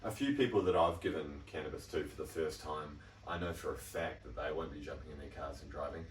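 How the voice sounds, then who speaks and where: A man's voice: very deep voice, brisk, a little hiss or hum. A young man with a New Zealand accent co-hosting a podcast, laid-back and earnest, now and then tripping over his phrasing. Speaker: podcast co-host. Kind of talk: casual chat. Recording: roomy room, mic at a distance.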